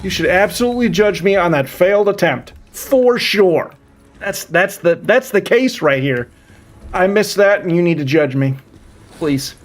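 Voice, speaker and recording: A live streamer in his thirties chats casually with viewers while gaming, rambling and often repeating his phrases. His voice is high-pitched with lively intonation, and he talks a little slowly.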